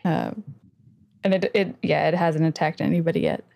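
A woman's voice: sits low, normal speed, gravelly, warm tone, dry recording. A woman playing in a tabletop game, describing her character's actions in a casual, easygoing way. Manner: casual, laughing easily. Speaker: player.

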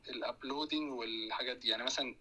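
A man with an Egyptian accent hosts a relaxed audio chat and asks his guest questions. His voice has a very sharp, tense edge, and his words come out quickly. He sounds like he is on a phone mic. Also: mid-range voice, low-quality recording. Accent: Egyptian Arabic. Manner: easygoing, explaining, asks questions. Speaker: host. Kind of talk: casual interview chat in an audio room.

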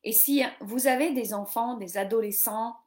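A woman's voice: a little high, moderate pace, darkish tone. A woman in her forties hosting a live reading session, rambling and self-mocking, with many fillers and restarts. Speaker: podcast host doing a live reading session. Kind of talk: casual live-stream chat about reading.

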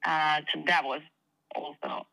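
A woman's voice: deep voice, steady tone, unhurried, vocal fry, bright, forceful tone, poor audio. A young woman from Croatia with a Croatian accent, answering interview questions hesitantly with many fillers. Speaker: guest actress. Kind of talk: casual interview chat.

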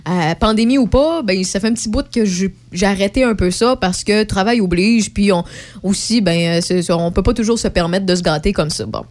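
A woman from Quebec with a Québécois accent, hosting a radio show in a chatty, rambling way, filling pauses with lots of hesitations. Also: medium pitch, darkish tone. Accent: Québécois French. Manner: chatty and rambling, many fillers. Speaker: radio host. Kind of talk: casual radio chat.

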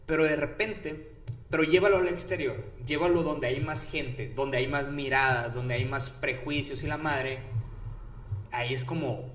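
A man with a Mexican Spanish accent talks in a loose, slang-heavy way, acting out what people said as he tells stories. His voice sits a little high. The room is echoey, with a faint hiss behind him. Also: unhurried. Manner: slangy, animated storyteller acting out quotes. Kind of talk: casual chat.

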